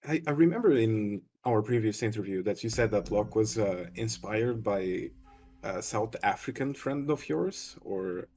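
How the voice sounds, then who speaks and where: Casting: male interviewer, mellow dark tone, lowish pitch, casual and halting. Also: lively intonation, slight background noise.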